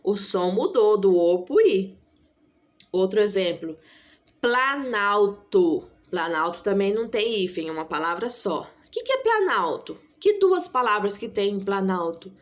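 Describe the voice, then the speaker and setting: A woman's voice: mid-range voice, lively intonation. Patient woman teacher explaining grammar. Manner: patient, repeats key points with frequent "tá?" check-ins; stretches out example words slowly for emphasis. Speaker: school teacher. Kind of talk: recorded online grammar lesson.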